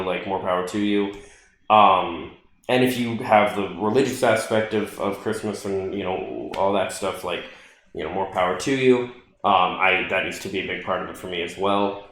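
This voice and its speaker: Podcast co-host, male, low voice, loose rambling delivery, recorded in a very echoey room. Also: a bit bright, a little hiss or hum. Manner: rambling, many fillers and restarts, swears casually. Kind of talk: casual chat.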